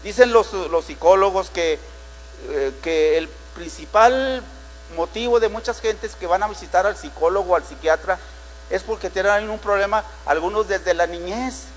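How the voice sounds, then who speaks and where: A man's voice: sits high, moderate pace, big-room sound, slight background noise, low-quality recording. A man with a Mexican Spanish accent preaching a sermon as pastor, telling the story dramatically and asking rhetorical questions.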